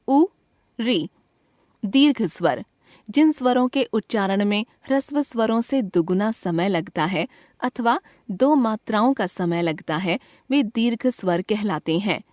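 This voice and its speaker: Slow, careful woman reading a lesson. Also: a little high, darkish tone, no room sound, studio quality. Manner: slow, deliberate, spells out each letter and example. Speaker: teacher.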